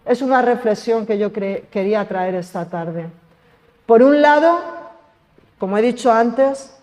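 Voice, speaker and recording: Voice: mid-range voice, a little mellow. Preacher, accent from Spain, conversational sermon with rhetorical questions, echoing church hall. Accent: Spain Spanish. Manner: conversational, asks the congregation questions.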